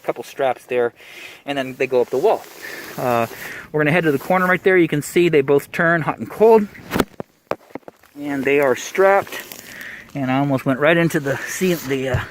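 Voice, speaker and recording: A plumbing contractor with a fairly high-pitched voice rambles through a casual job-site walkthrough in a cramped attic, breathing hard behind a mask. He talks quickly, full of fillers and restarts, with slight background noise.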